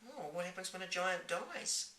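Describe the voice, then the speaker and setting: Man doing a high, curious little girl. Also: lively intonation, moderate pace, bright, forceful tone. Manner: high, breathless questioning. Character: small curious young girl, polite. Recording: roomy, from a distant mic.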